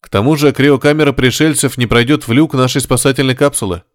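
A man's voice: mid-range voice, fairly even intonation, fast talker, dry recording, clean studio sound, close to an everyday voice. A man voicing a blunt male spaceship officer who speaks curtly and firmly. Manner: curt and firm.

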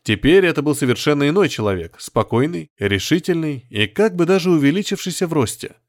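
A man narrating a story in a steady, measured audiobook reading. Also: fairly high pitch, dry recording, clean studio sound. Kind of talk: scripted narration.

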